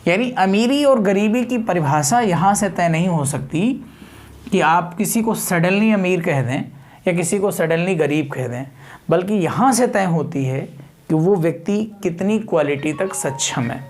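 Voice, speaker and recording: An animated, unhurried man with a voice that sits high teaches physics for an exam coaching class. Everyday examples anchor his lecture, and he repeats core terms, throws out rhetorical questions and mixes in technical words in English.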